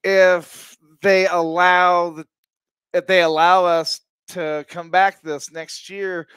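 A man talking as a guest on a chat show, excitable and rambling. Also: high-pitched, takes it slowly, clean tone, no echo. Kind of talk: casual chat.

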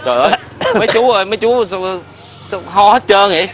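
A man's voice: sits high, fairly quick, over loud music. A man acting in a stage comedy sketch, exclamatory and coaxing.

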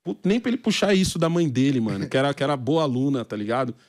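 A man's voice: medium pitch, very animated, quick pace, a little mellow, no room sound, clean studio sound. A man from Brazil, a podcast guest, telling slangy stories in casual chat and acting out the voices of people he quotes.

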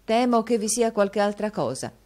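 A woman's voice: medium pitch, expressive, moderate pace, darkish tone, voice pushed up, natural voice. A woman voicing an earnest, flustered young male tutor who pleads insistently to be heard. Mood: earnest, indignant.

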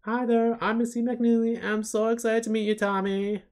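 Man putting on a sugary young female TV star: high, chirpy, gushing, read off a storyboard. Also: level tone, normal speed, a little mellow, clean tone.

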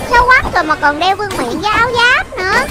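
Fast and very high-pitched, this childlike narrator of a kids' game video calls out excited play-by-play commentary. Short phrases get repeated amid plenty of exclamations, and loud video game music plays over the voice.

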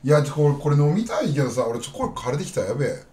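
A man's voice: a little high, sing-song, fast, darkish tone. A man chatting casually on a live stream, rambling bluntly and talking straight to his viewers.

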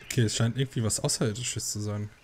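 A man's voice: on the low side, steady tone, fast, slight background noise. A man giving casual let's play commentary, musing and thinking aloud.

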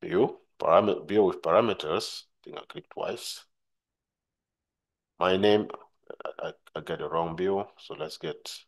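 A man giving a screen-recorded software tutorial, walking through steps and often checking in with "right?" while repeating his points. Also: deep voice, vocal fry. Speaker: tutorial instructor.

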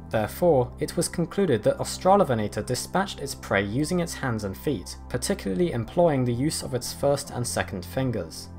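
Guy doing nature documentary voiceover, explains things in a measured way, animated intonation, faint music under it. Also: medium pitch. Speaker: narrator. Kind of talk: scripted nature documentary narration. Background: background music.

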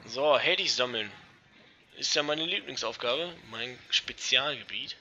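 A young man giving casual, excitable commentary over an online shooter match, swearing and talking to his viewers. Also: mid-range voice, measured pace, a little hiss or hum. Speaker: let's play gamer. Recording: dull lo-fi gaming mic.

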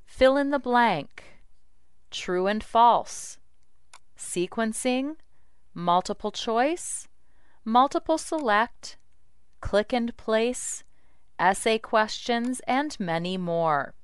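Casting: female demo narrator, scripted instructional read, crisp voice, dry studio sound. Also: fairly high pitch, animated, extremely slow, long pauses, no room sound.

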